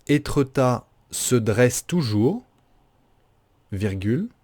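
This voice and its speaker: A man's voice: medium pitch, animated, extremely slow, darkish tone. A man dictating as a teacher does, phrase by phrase, carefully articulated, with punctuation spoken aloud and each sentence repeated.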